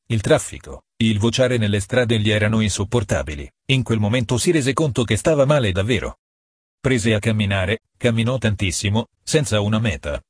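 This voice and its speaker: A man narrating a novel as an audiobook, in a steady reading manner. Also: fairly low pitch, breathy edge, no room sound, clean studio sound. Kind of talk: storybook narration.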